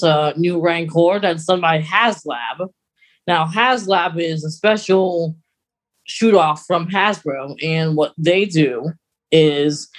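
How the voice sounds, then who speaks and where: With a wry edge, a mid-pitched podcast co-host delivers news casually, as though chatting informally.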